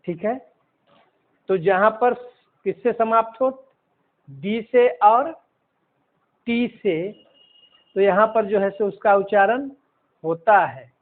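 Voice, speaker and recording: A man teaching English pronunciation, explaining word by word in a slow, deliberate way. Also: sits high. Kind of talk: pronunciation lesson. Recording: phone-like narrow sound.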